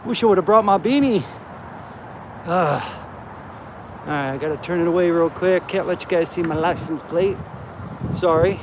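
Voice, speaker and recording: A man's voice: high voice, moderate pace, long pauses. A man hosting a casual live stream, talking to his chat in an upbeat way while walking outdoors with a handheld phone. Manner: upbeat, talks straight to chat. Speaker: livestream host. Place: outdoors at a truck stop parking lot. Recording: phone audio with loud outdoor noise. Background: vehicle and outdoor noise.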